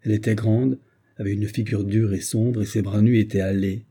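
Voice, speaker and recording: A man narrating a classic novel as an audiobook, in a measured, steady reading. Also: fairly low pitch, slightly rough.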